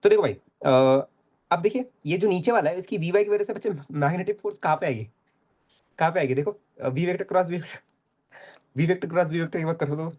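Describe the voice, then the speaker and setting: A man's voice: on the high side, moderate pace, a little mellow. A young man teaching physics in a casual live lecture, coaxing students and repeating phrases.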